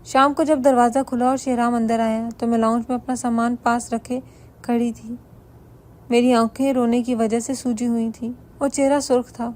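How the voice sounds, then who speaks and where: A woman narrating a dramatic first-person story in an even, measured reading. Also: fairly high pitch.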